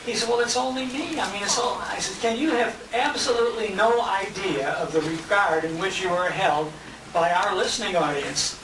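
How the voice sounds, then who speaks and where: Recorded far from the mic on a handheld compact camera in a noisy, echoey restaurant banquet room, an American emcee and radio show host speaks informally at a tribute dinner. He tells anecdotes with quoted conversations, in a voice that sits high, at normal speed.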